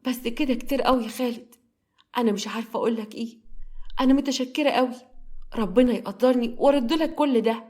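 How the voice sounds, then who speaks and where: A woman voicing a gentle, grateful older aunt in Egyptian Arabic. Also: on the high side, fast, pitched above the performer's own voice, close to an everyday voice. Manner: soft, thankful.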